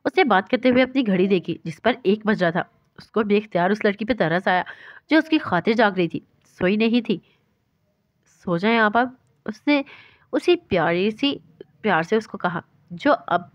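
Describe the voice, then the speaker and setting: A woman's voice: medium pitch, expressive, dry recording, muffled recording. Woman narrating a romance novel. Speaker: novel reader.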